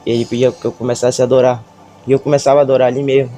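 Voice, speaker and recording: Nervous Brazilian man, low flat dark voice. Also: faint music behind. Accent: Brazilian Portuguese. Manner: halting, stammering, emotional retelling. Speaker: church member giving testimony. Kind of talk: church testimony.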